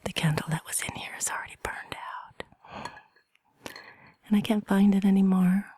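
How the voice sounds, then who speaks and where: A woman whispering softly and gently through an ASMR session as its creator. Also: mid-range voice, fairly even intonation. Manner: soft whispering, slow and gentle.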